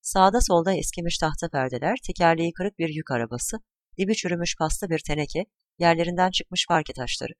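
A narrator reading a literary short story aloud, telling it in a measured way and shifting a little for each character's lines. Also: mid-range voice, no room sound, clean studio sound. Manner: measured storytelling, voicing grandchildren and wife with small shifts.

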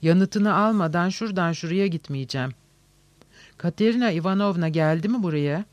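Nervous insistent gentleman, sharp demands, dry sound, a man reading, story reading. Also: high-pitched, normal speed, no echo, close to an everyday voice. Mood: demanding. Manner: insistent, sharp, shouting at times.

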